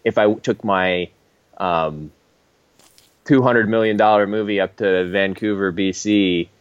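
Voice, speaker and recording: A filmmaker in a casual podcast chat, explaining at length in an easygoing way with filler words. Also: male voice, on the low side, unhurried, clean tone, dry recording, highs cut off. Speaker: independent filmmaker.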